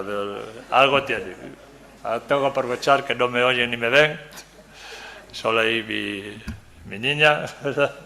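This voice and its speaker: A man's voice: mid-range voice, sharp tone. An older man from Galicia, giving a Bible study sermon in a conversational way, often asking "¿verdad?" and joking with his listeners. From Galicia, Spain. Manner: conversational, keeps asking "¿verdad?", jokes with the audience. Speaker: preacher. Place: church meeting room.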